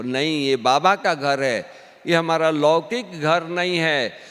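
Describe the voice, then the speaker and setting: A man giving a spiritual discourse as a teacher, often asking the listeners questions and repeating his points with pauses. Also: sits high, a bit bright, clean tone. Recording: long hall reverb.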